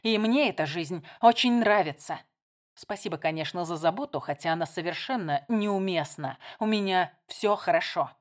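A woman's voice: on the low side, moderate pace, lightly acted. A woman reading a novel aloud, voicing a tired, defensive older sister. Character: weary married woman, guarded older sister.

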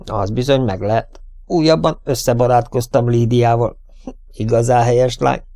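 Guy voicing a young lazy charmer, unbothered and smooth, dry close mic. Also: mid-range voice, fairly even intonation, dark tone, no room sound, natural voice. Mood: suave defensive. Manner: smooth, mock-dignified. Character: young man, dignified idler.

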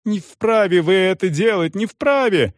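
A male narrator voicing an anxious village priest who pleads in high, wailing tones. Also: expressive, measured pace, dry recording, studio quality. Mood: pleading.

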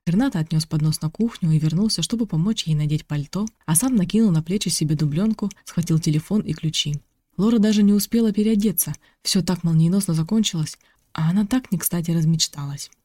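Steady, mellow audiobook narrator. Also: mid-range voice, fairly quick, no room sound. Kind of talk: scripted narration.

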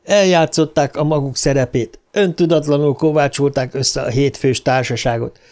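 A man narrating a novel as an audiobook in a measured, steady reading with clear diction. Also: medium pitch.

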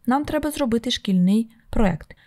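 A woman voicing a stubborn little boy who whines and shouts in a raised child voice, in an audiobook. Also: expressive, normal speed, no room sound, clean studio sound. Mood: upset. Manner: high, whiny, shouting child voice. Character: small boy, stubborn and tantrum-prone. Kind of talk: audiobook character voice.

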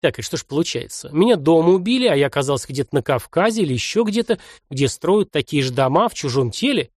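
A man in his fifties voicing a weak, bedridden man who talks to himself in a hoarse, halting, wry way. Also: fairly high pitch, big pitch swings, no echo, clean studio sound. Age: 50s. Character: weak bedridden man waking in a stranger's body.

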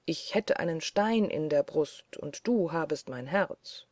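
A woman's voice: deep voice, lively intonation, a little slow, darkish tone, no room sound. A woman reading the lines of a cunning, cold-hearted young male charcoal burner who taunts scornfully. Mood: taunting.

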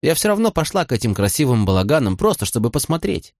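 A man's voice: mid-range voice, very animated, fast, darkish tone, no echo, studio quality, pitched above the performer's own voice. A man voicing a proud young woman who is hurt and angry, speaking in a raised, reproachful voice. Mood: hollow, calm.

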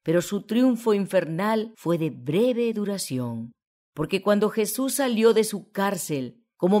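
A woman narrating a religious audiobook in a solemn, measured way. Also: mid-range voice, dark tone.

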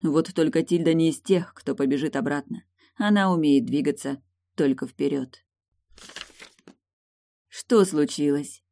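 An audiobook narrator reading a novel in a steady, even scripted narration. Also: mid-range voice, moderate pace, gravelly, no echo, studio quality.

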